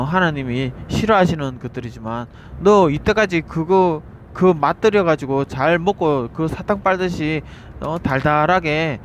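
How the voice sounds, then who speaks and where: A man's voice: fairly high pitch, lightly acted. A jeering devil tempts and accuses in a raised, needling voice, as a male preacher puts him on. He fires mocking questions one after another, with faint street noise behind.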